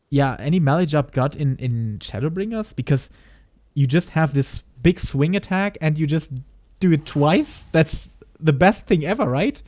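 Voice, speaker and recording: A man's voice: a little high, darkish tone, no echo. A man streaming a reaction video, talking hesitantly with frequent restarts and laughs. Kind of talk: live stream reaction commentary.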